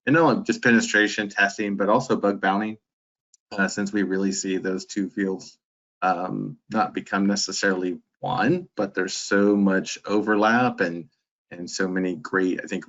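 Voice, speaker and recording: Guy hosting a panel, kinda low voice, lots of uh's, muffled call audio. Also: fairly bright tone. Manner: loose, filler-heavy, rambling. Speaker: panel host. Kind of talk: casual panel moderation. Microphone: video call. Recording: dull video-call audio.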